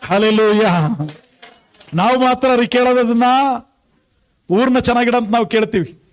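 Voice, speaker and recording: A man's voice: extremely high pitch, measured pace. A male pastor preaching a sermon with a Kannada accent, asking the congregation many questions and calling out hallelujah.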